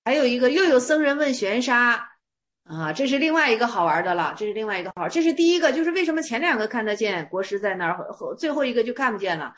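A woman's voice: on the high side, lively intonation, fast, fairly bright tone. A woman giving a casual lecture on Zen stories, chatty and full of rhetorical questions. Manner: chatty, asks rhetorical questions, retells in colloquial terms. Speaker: teacher.

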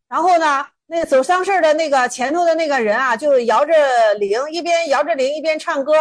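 A woman teaching Zen koans in a casual, colloquial storytelling way, briefly acting out the people in each story. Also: sits high. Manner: colloquial, acts out dialogue in stories.

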